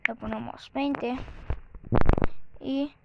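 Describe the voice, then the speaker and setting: A youthful-sounding woman giving a casual step-by-step game tutorial, halting as she thinks aloud. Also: sits high, fairly even intonation, creaky. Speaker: tutorial host. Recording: muffled lo-fi mic with clicks and noise.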